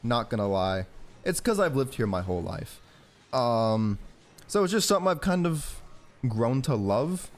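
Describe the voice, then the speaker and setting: Speaking with a medium pitch, big pitch swings and a measured pace, a man in his early twenties commentates on a game. He's a gaming YouTuber from Georgia in the southern US with an American accent, rambling informally and mixing in personal chat.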